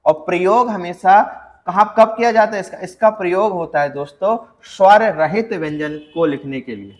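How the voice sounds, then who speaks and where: A male teacher giving an exam-prep grammar lecture, asking his students questions and answering them himself, and drawing out example words slowly to show stress. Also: high voice, long reverb tail. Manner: addresses students as friends, asks and answers own questions.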